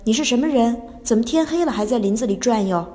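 A woman acts out a kindly male hunter in a children's storybook tale. He speaks in a plain, friendly, cautioning way, close to her own clear, fairly high voice. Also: animated, fast, big-room sound, natural voice. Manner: hushed warning, then plain and friendly.

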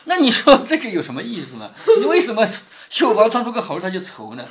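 A man's voice: high-pitched, huge pitch swings, fast talker. A man reading a classic novel aloud to his daughter, stopping often to explain it and check that she follows. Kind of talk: storytelling with explanations.

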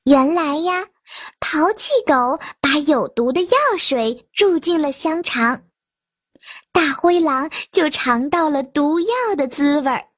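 Slow expressive children's storyteller woman. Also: sits high, no room sound, studio quality. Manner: expressive, sing-song storytelling. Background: children's music.

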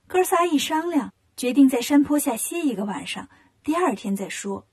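A woman narrating a classic tale for children, lively and playful, giving each character its own voice. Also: high-pitched, normal speed. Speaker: children's storyteller.

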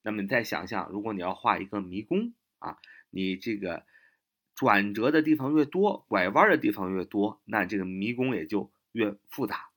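A man with a fairly low voice gives a spoken vocabulary lesson. He repeats each English word several times and spells it out letter by letter. His explanations are dotted with small filler particles. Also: lively intonation, a bit bright. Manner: shifts to English and sounds out words slowly.

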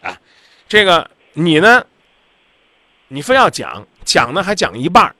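A man's voice: on the high side, wildly swooping pitch, unhurried, pushed and bright, no echo. A man hosting a radio call-in advice show, talking bluntly and insistently, lecturing the caller.

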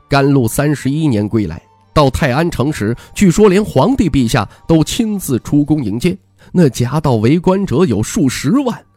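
A man's voice: mid-range voice, a little mellow, dry recording. A man narrating a story as an audiobook reader, telling it expressively.

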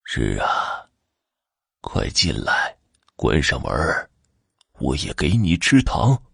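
A man voicing a sly hairy monster that poses as an old grandmother, speaking in a hushed, coaxing way. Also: deep voice, sing-song, measured pace, slightly rough, no echo, clean studio sound, full character voice.

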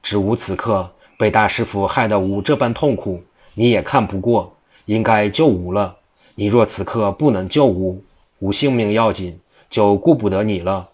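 A man's voice: fairly low pitch, normal speed, a little mellow, breathy edge. A man reading the lines of a frightened woman who pleads in pain. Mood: pleading. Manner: pleading, anxious. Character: frightened adulterous young woman.

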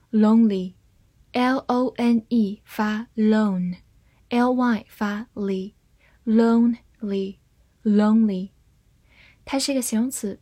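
A woman with a slightly high, breathy voice teaches English words in a calm, scripted lesson. She reads each example sentence slowly and carefully. The sound is dry and close, with no room around it. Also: dry recording.

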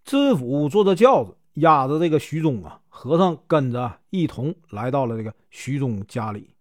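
A man's voice: medium pitch, sing-song, normal speed, no echo, studio quality. A man with a Northeastern Mandarin accent narrating a folk tale in a folksy way, stretching filler syllables. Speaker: storyteller. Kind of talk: storytelling narration.

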